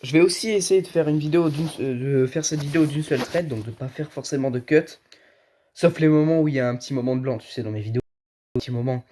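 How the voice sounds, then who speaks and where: Warm and mid-range, the car vlogger's voice carries his colloquial opinions to viewers he treats as buddies. He sounds tired and a little sick, down with a flu-like illness.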